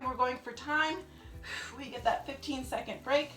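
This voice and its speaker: A woman's voice: high voice, normal speed, roomy sound, music in the background. A young woman working as an aerobics instructor, cueing a home workout in an encouraging way as she exercises. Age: young adult. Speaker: fitness instructor, channel host. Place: home living room. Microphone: camera on the floor a few feet away.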